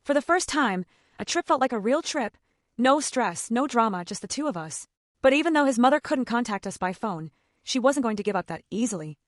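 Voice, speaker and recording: A woman's voice: a little high, animated, fairly quick, no echo, studio quality. A woman narrating a first-person drama story in a scripted, dramatic storytelling manner.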